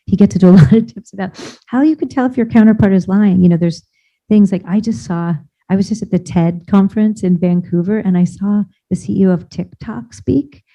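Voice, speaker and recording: A woman's voice: medium pitch, fairly even intonation, fairly quick, dark tone, lo-fi sound. A woman giving an informal conference talk, chatty and full of fillers and restarts. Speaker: conference speaker.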